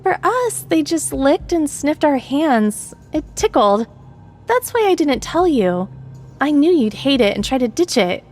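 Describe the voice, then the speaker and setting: A woman putting on a bright, high young woman's voice that gushes out in quick apologetic blurts. She sounds eager and a little anxious, pitched well above a normal speaking voice, with gentle music faint underneath. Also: very animated. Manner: blurting, hesitant, pleading.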